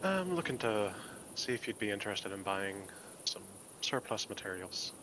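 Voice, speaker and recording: A man playing a tabletop game in character, quiet and measured. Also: fairly low pitch, big pitch swings, background noise. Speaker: player.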